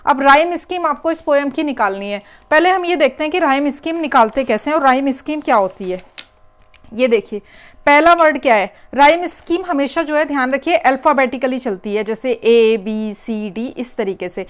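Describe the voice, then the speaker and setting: A woman teacher with a high voice works through an exam paper step by step at a moderate pace, repeating the key words as she goes.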